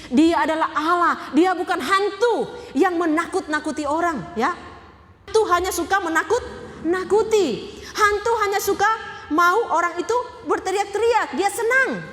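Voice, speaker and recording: A woman's voice: very high voice, fairly bright tone, big-room sound. A woman pastor giving a sermon. She speaks emphatically, asks the congregation questions and repeats key phrases.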